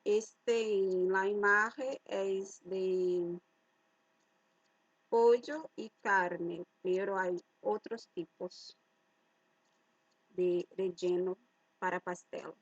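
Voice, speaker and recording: Woman slowly walking through a vocab lesson, slips spanish words in, hits key words loud, dry muffled sound. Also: mid-range voice, steady tone, dry recording. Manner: slow, deliberate explanation that slips Spanish words into Portuguese; stresses each key word loudly, then explains it. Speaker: language teacher. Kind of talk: language lesson for Spanish speakers.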